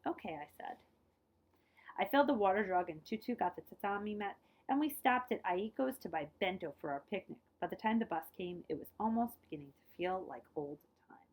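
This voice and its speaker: A woman reads a children's picture book aloud with expressive, dramatized delivery, letting her phrase endings fall to a hush and slipping in brief asides. Her voice is medium in pitch and her pace fairly quick.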